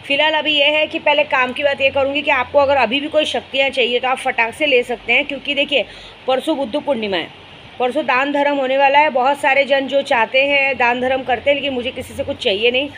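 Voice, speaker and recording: A woman's voice: high voice, fairly even intonation, a little fast, a bit bright, a little hiss or hum, rough recording. A woman speaking, a spiritual guide chatting casually to her followers and telling stories with fond asides. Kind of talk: casual vlog chat to followers.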